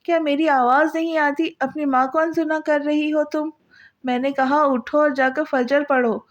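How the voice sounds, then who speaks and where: A woman's voice: high-pitched, fairly even intonation, muffled recording, close to an everyday voice. A woman voicing a grieving elderly mother who pleads and cries out to her daughter. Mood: shouting. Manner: pleading, crying out.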